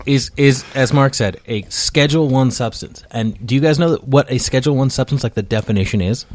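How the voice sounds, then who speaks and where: A man's voice: medium pitch, brisk, a little mellow. A man co-hosting a podcast who asks pointed questions and lays out definitions. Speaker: podcast co-host. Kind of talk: casual chat.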